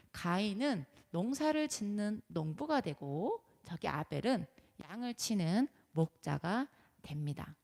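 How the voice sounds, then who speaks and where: A woman gives a children's sermon in a church, her pitch rising and falling a lot as she tells a story. Her voice has a gravelly edge, and a long hall reverb trails behind it. She keeps asking the children questions and then answers them herself. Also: darkish tone. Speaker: children's ministry preacher. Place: church sanctuary.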